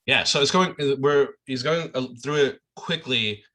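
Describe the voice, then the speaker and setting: Bright-voiced man explaining a clip to a class. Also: medium pitch, moderate pace. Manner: talks in loose restarts and checks in with "okay?" and "all right?". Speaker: teacher presenting an online class. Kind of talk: casual explanatory commentary over a played clip.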